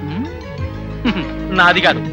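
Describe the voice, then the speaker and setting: A cheeky young suitor. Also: male voice, sits high, animated, slow pace, music in the background. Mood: teasing. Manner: playful, teasing, mock-pleading. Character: cheeky young man pestering a woman doctor. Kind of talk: film comedy dialogue.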